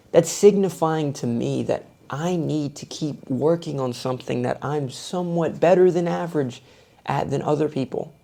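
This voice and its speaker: In this reflective personal monologue, a young vlogger thinks aloud in a thoughtful, self-searching way. His soothing voice sits a little high, with vocal fry and a dark tone.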